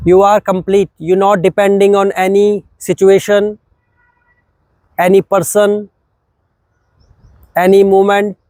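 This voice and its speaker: Man, yoga teacher, higher voice, very slow calm phrasing, dry close sound. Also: no echo. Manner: slow, calm, short phrases with long pauses. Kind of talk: guided breathing meditation.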